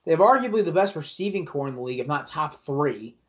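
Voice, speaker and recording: A young man on a sports podcast rambles through his takes, restarting sentences and getting worked up. His voice sits a bit high for a man. The recording sounds dull and lo-fi. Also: quick pace. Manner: rambling, restarts often, animated opinions. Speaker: podcast co-host. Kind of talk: casual sports chat.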